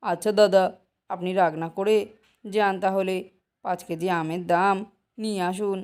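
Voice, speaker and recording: A woman's voice: medium pitch, steady tone, moderate pace, darkish tone, clean tone, natural voice. A woman voicing a poor village mango seller who pleads and bargains to sell her fruit. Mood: resigned. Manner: pleading, persuasive sales talk. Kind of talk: Bengali cartoon voice acting.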